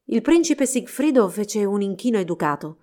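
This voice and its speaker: A woman narrating a fairy tale storybook in a steady, expressive reading. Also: mid-range voice, moderate pace.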